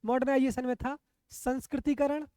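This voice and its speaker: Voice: high-pitched, level tone, moderate pace, mellow, clear, resonant tone, no room sound. A coaching teacher giving an exam-prep lecture, often asking the class rhetorical questions, checking that they follow and repeating key terms.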